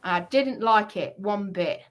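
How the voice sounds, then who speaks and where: On a livestream, a woman gives a heated personal account in a medium-pitched voice at a slow pace. She sounds indignant and emphatic, repeating herself for stress.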